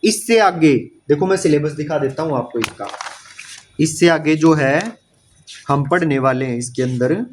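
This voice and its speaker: A man's voice: on the high side, moderate pace, slight background noise. Hindi-speaking man teaching maths. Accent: Indian English mixed into Hindi. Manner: explains step by step, keeps checking understanding. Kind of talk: online exam-prep lecture.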